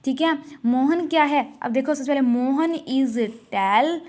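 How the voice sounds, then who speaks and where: A woman with a high voice teaches a grammar lesson. She asks and answers her own questions over and over and addresses her students fondly. She stretches out the example sentences slowly as she reads them. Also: a little mellow. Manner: repetitive question-and-answer drilling, calls students 'beta'; slow, drawn-out reading of example sentences. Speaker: school English teacher.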